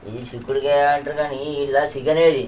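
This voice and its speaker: A man's voice: mid-range voice, fairly even intonation, fast talker, a little mellow, close to an everyday voice. A man playing a slurring drunk village husband. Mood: grumbling. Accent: Telangana Telugu. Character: boastful drunken village husband, middle-aged. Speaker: actor in a village comedy drama.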